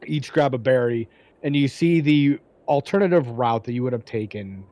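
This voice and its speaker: A man works as game master, improvising the story of a tabletop game. His voice sits at a middle pitch, and he narrates in a halting, conversational manner. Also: a little mellow, no room sound.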